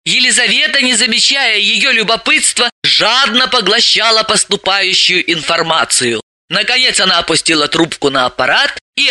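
Lively, bright-voiced male audiobook narrator. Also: high-pitched, no room sound, clean studio sound. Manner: expressive storyteller. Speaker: audiobook reader. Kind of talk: scripted narration.

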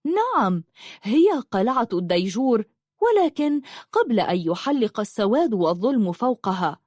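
A woman's voice: on the high side, very animated, moderate pace, a little mellow, no room sound, clean studio sound. A woman voicing a wistful young man in a storybook who speaks dreamily. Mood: dreamy.

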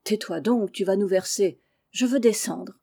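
A woman's voice: mid-range voice, normal speed, creaky, mellow, husky. A woman reading aloud voices a proud, disdainful young girl who talks in a haughty, petulant way. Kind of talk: audiobook character reading.

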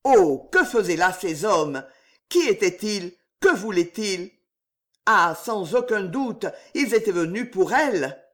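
Slow, expressive audiobook reader. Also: mid-range voice. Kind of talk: scripted audiobook narration.

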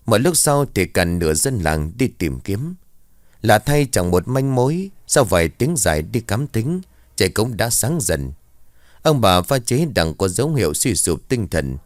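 A man's voice: on the low side, sing-song, a little slow, dry recording, clean studio sound. A man narrating a ghost story in a dramatic storytelling manner.

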